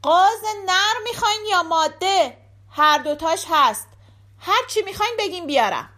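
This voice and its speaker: A woman voicing Giske, a loud and foolish young man in a folk tale, shouting his lines high and loud. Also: animated, full character voice. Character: loud foolish boy Giske, mistaken for the devil.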